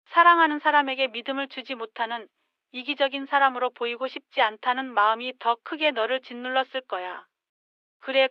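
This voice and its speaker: High-voiced older woman narrating gently. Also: no echo. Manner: gentle, rueful, speaks as a letter to her younger self. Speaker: storyteller. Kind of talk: scripted narration. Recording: dull lo-fi dry sound.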